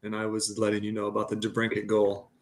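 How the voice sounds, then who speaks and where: A man's voice: on the low side, monotone, fast. A man joining a casual sports podcast as a guest over a video call, talking in a matter-of-fact, lightly teasing way. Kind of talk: casual chat.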